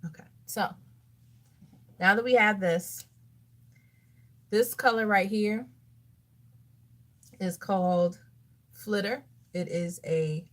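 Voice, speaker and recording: A woman's voice: mid-range voice, slow pace, pauses often, fairly bright tone. A woman beauty vlogger chatting casually while doing her makeup, talking to herself and throwing sassy asides to viewers. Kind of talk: casual get-ready-with-me chat.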